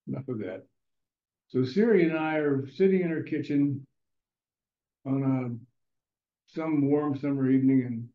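An older man telling casual, rambling stories in a blunt, profane way. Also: medium pitch. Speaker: storyteller. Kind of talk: casual storytelling monologue. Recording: echoey room, slightly dull sound, faint music.

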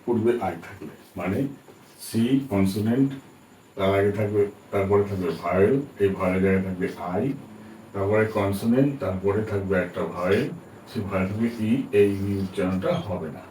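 A Bengali-speaking man gives a spoken English pronunciation lesson, patiently spelling out letters and frequently checking that his students are following. His voice sits low, with a steady, slightly mellow tone and a fairly quick pace. The room is echoey, he's far from the mic, and there's faint background hiss.

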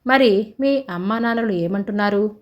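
A woman's voice: mid-range voice, moderate pace, lo-fi sound. Woman reading a story aloud. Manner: reads dialogue of several characters in one even voice. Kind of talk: storybook narration.

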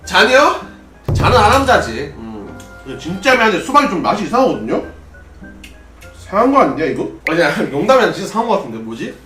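A young man with a Gyeongsang Korean accent, once a pro gamer, chats casually with viewers and answers their questions during a solo drinking livestream. His voice is high-pitched, fast, a bit bright, with big pitch swings, and he sits far from the mic. The livestream audio is roomy, with faint music.

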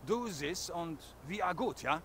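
Gravelly German biker in a game, fairly high voice, pleading in broken English with a German accent. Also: male voice, animated, measured pace, a bit bright. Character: gruff German biker man, nervous fixer. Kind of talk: video game dialogue.

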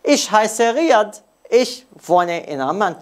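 Speaking slowly in a high, sing-song voice, a Jordanian man with a Jordanian Arabic accent leads a beginner bilingual language lesson as a native Arabic speaker, patiently repeating phrases so learners can follow.

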